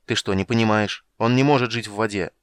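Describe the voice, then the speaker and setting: A man voicing a weary, patient monster hunter who speaks calmly and dryly. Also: lowish voice, quick pace, smooth, no echo, clean studio sound, natural voice.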